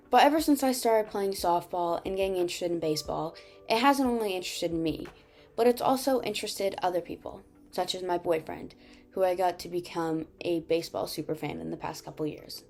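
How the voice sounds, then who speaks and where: Earnest young woman narrating, mellow tone. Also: lowish voice. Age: young adult. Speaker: student video host and interviewer. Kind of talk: scripted narration and interview questions.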